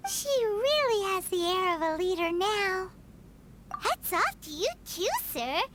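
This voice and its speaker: Paimon, squeaky tiny fairy companion. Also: female voice, animated, a little slow, noisy background. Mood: admiring, chatty. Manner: childlike, exclamatory, speaks of herself in third person. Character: tiny, chirpy floating fairy-like girl companion. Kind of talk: scripted video game voice acting.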